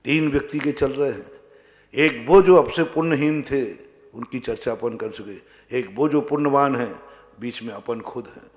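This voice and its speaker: A man, a Jain monk, giving a sermon full of questions to his listeners, swinging from emphatic loud peaks to quiet low passages. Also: normal speed. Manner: rhetorical questions to the audience, rising to emphatic outbursts then dropping low. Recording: long hall reverb.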